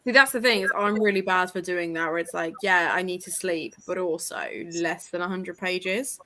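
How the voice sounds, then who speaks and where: A woman's voice: fairly low pitch, fairly even intonation, normal speed, pushed and bright. A woman who teaches, chatting on a reading stream with wry, dry humour. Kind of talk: casual chat on a livestream.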